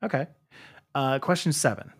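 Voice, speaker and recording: A man's voice: mid-range voice, normal speed, husky. A young man playing a guessing quiz and chatting casually, hesitant and playful, sometimes imitating sounds. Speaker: quiz player. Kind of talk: casual chat.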